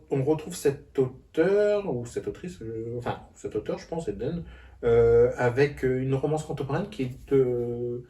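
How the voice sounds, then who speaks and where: A man's voice: medium pitch, mellow. A man chatting casually about books in a vlog, hesitant, with many fillers and restarts. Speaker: book vlogger. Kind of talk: casual book haul vlog. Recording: roomy echo, a bit far from the mic.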